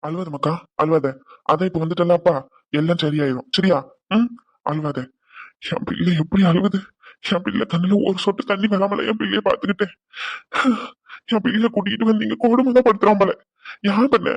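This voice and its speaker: A man voicing a protective older father in a cartoon, talking fast in a high, dry voice. He comforts his daughter gently and turns fierce on his son-in-law. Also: steady tone, gravelly, no room sound, muffled recording. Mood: soothing. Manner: soothing to his daughter, scolding the husband.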